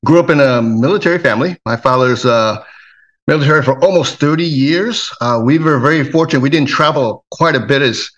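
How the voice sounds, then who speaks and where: A man's voice: medium pitch, fairly quick, lo-fi sound. A middle-aged man from Hawaii speaks as a podcast guest. His voice sits in an ordinary middle range. He tells his story casually, wandering through it with fillers and small chuckles. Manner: relaxed, rambling, with frequent fillers and chuckles. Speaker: guest, self-defense trainer.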